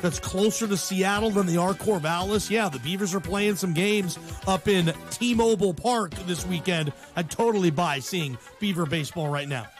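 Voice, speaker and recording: An American sports talk radio host with a high-pitched voice gives casual commentary at a moderate pace, with soft background music on the show. He's conversational and opinionated, using slang and hammering points through repetition.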